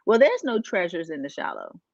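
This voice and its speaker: A woman's voice: fairly low pitch, huge pitch swings, fairly quick, gravelly, no room sound. A woman from the Bahamas, a life coach co-hosting a motivational podcast, speaking emphatically with many rhetorical questions. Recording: dull, dry, lo-fi sound.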